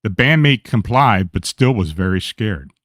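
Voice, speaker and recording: A man's voice: fairly low pitch, unhurried, no echo. Man reading eerie accounts, dry sound. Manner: steady reading with small slips and self-corrections. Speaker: radio show host reading paranormal accounts. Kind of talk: read-aloud storytelling.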